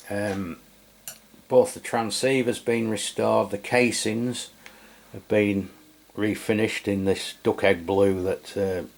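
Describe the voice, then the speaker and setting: A radio review host, this man speaks in a deep, gravelly voice with a darkish tone as he leads a casual hands-on review. He's matter-of-fact yet rambling, searching for his words as he talks.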